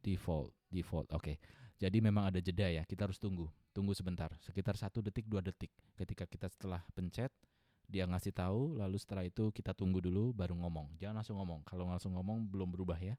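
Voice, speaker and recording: A man's voice: deep voice, fairly even intonation, quick pace, dark tone, no echo, studio quality. A man casually demonstrating an audio mixer, chatty and adding "ya" to most sentences, speaking into a podcast mic in a room with a ceiling fan. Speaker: tech reviewer. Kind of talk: casual product demo. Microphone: dynamic podcast mic through a mixer.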